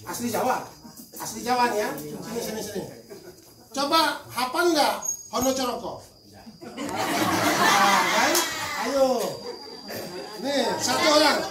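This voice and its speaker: An older man from Madura speaking loudly and forcefully to a crowd at a charity event, joking with the audience. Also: extremely high pitch. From Madura, Indonesia. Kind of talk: addressing a crowd. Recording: echoey, distant mic with crowd noise.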